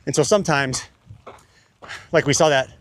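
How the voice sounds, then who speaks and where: A man's voice: a little high, normal speed. A man vlogging outdoors in a breezy desert while hiking, talking in a chatty, rambling and playful way. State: out of breath while climbing. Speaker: vlogger, hiker. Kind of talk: casual chat on a desert hike.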